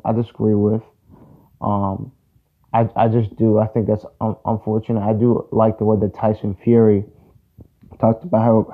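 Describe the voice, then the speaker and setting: Opinionated male sports host, tinny audio. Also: lowish voice. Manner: conversational, opinionated, repeats himself for emphasis. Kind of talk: casual solo sports commentary.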